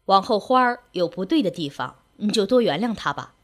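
A woman's voice: medium pitch, lively intonation, a little fast, lightly acted. A woman reading the lines of a hesitant, sorrowful older villager. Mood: worried.

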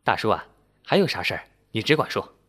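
A man storyteller voicing a flustered, quick-tempered young village wife who exclaims and turns shrill when upset. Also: big pitch swings, a bit bright, breathy edge, full character voice. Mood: coaxing.

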